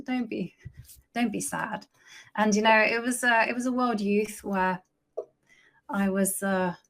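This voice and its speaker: A woman streaming her chess games, chatting casually and thinking aloud as she plays. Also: mid-range voice. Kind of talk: casual live-stream commentary.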